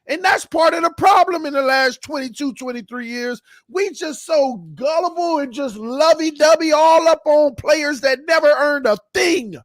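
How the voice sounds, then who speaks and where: A man's voice: very high voice, normal speed, few pauses, dry recording, clean studio sound. Fired-up man in his thirties ranting. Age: 30s. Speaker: fan channel host. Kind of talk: sports fan talk show.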